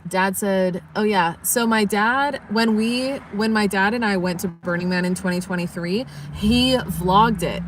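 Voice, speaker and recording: A woman's voice: medium pitch, measured pace, hardly any pauses, slight background noise. A young woman chatting casually on a livestream, rambling and yawning, sleepy and just woken up. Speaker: livestream vlogger.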